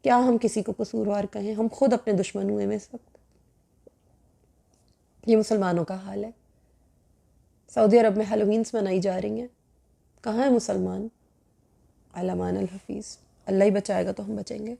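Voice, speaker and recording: Woman religious lecturer, earnest and admonishing, dark gravelly voice, repeats lines for weight. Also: medium pitch, fairly even intonation, pauses often. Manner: mixes English words into her talk. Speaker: Quran teacher.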